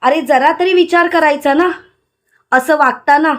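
A woman's voice: high voice, unhurried, a bit bright. A woman narrator voicing a stern older village elder who scolds in a reproachful manner. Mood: scolding.

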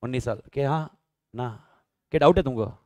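A man's voice: mid-range voice, moderate pace, mellow, no room sound. A man teaching law in a live online lecture, asking his students questions and answering them himself, mixing Hindi and English.

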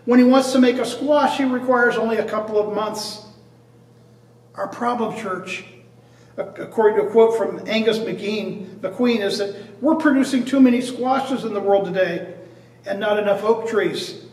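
Older pastor guy, highish voice, preaching from a pulpit, roomy echo, mic kinda far off. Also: normal speed. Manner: earnest preaching with repeated phrases and restarts. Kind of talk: sermon. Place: church sanctuary in front of a stained glass cross. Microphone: far camera at a pulpit. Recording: echoey church heard from a distance.

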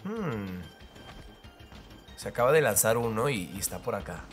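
A man giving live, excitable commentary over his own gameplay, repeating words in rapid bursts and cheering. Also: lowish voice. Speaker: mobile game player and creator. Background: faint game music and gunfire.

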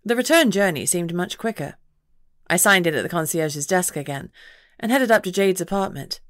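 Reading a first-person fantasy audiobook, a woman uses her fairly low voice with lively intonation at a moderate pace. There's no echo at all; the sound is completely dry, with no sense of a room.

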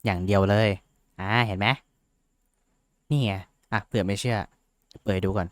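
The voice here is on the low side, with fairly even intonation and a moderate pace, recorded at studio quality with no room sound. A young man hosting a casual VTuber screen-share tutorial, he rambles, mocks himself, and uses many fillers.

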